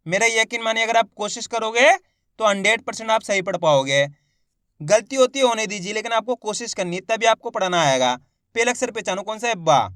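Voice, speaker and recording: A man teaches reading, sounding out each syllable in a slow, stretched way before he joins them into a word. His voice is smooth and clear. It is recorded close and dry with no room sound. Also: high voice, fairly bright tone, no echo. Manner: encouraging, addresses viewers as friends. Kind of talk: spelling out syllables for a reading lesson.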